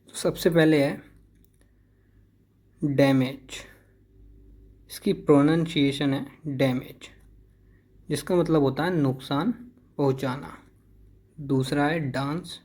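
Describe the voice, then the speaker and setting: Slow mellow guy teaching vocab, says each word over and over. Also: on the high side. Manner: slow, repeats each word to drill pronunciation. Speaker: English teacher. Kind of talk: vocabulary lesson.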